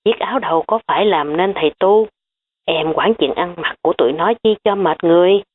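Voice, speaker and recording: An easygoing middle-aged uncle, as a woman reads him, relaxed and teasing in a lowish voice. The audiobook audio is tinny, like a phone line. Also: fairly quick, a little hiss or hum, lightly acted. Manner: relaxed, joking.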